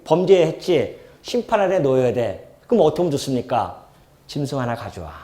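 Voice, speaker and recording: Male pastor, church sermon, lively swooping delivery, rhetorical questions to the pews. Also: mid-range voice. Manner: animated, swings between loud emphasis and soft asides; asks the congregation questions and acts out quoted speech. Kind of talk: expository sermon.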